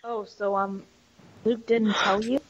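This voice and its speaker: A woman's voice: medium pitch, flat delivery, takes it slowly, dull audio, slight background noise. A woman asking questions in a casual comic mock interview, wry and a little exasperated. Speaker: panel interviewer.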